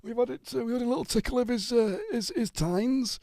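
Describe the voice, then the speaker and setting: Though a man, this middle-aged livestream host from North Wales speaks in a very high-pitched voice, brisk and slightly mellow with vocal fry. Chatting from home in his North Welsh accent, he greets viewers by name and jokes with them. The audio is dry and studio quality.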